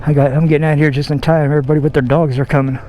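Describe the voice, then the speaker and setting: A man's voice: a little high, little pitch movement, rapid-fire, lo-fi sound. Man, casual scooter vlogger, folksy and rambling, recorded outside with faint street noise. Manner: rambling, folksy, with fillers and self-corrections. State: out of breath. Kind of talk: casual vlog talk. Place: outdoors at a park by his scooter.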